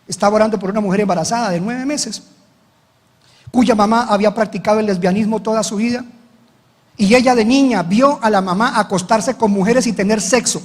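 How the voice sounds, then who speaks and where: A man's voice: sits high, long reverb tail. A man preaching as pastor, telling a story with dramatic retold dialogue. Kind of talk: sermon.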